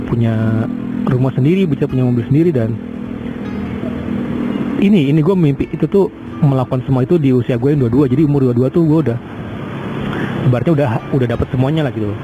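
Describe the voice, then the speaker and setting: A man's voice: mid-range voice, poor audio. A man in his twenties talking through a casual personal podcast monologue, rambling and hesitant with many fillers and restarts. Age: 20s. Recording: outdoor traffic noise behind.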